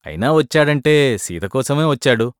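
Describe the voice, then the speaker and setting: Man reading an earnest young husband, polite, pleading, mid-pitched, dry close sound. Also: expressive, moderate pace, clean tone, no room sound, close to an everyday voice. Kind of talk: storybook reading.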